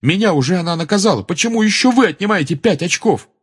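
A man's voice: sits high, expressive, fast, husky, voice pushed up. A man voicing an angry, defiant teenage boy who speaks sarcastically in an audiobook. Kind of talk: audiobook character voice.

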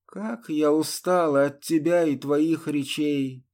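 A man voicing a fierce, defiant young woman who shouts in raised, strained outbursts. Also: fairly high pitch, fairly even intonation, slow, pitched above the performer's own voice. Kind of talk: audiobook character voice.

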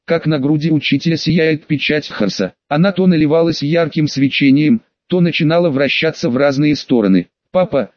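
A man reads a first-person audiobook in a steady, even manner, his voice sitting slightly high. The recording is close and dry, with a dull, muffled top end. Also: normal speed, hardly any pauses, no room sound. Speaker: audiobook narrator. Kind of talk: scripted first-person narration.

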